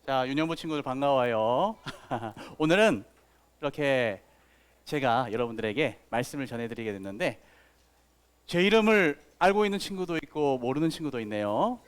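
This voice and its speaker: A man's voice: medium pitch, lively intonation, moderate pace, smooth. A man giving a children's sermon as pastor, telling playful stories with sound effects and asking the kids questions. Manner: talks directly to children with questions.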